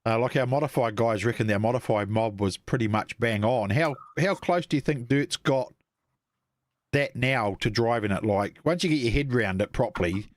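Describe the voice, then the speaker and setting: A man's voice: mid-range voice, normal speed, no echo, clean studio sound. A man with a New Zealand accent co-hosting a casual sports chat and asking informal questions. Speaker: co-host.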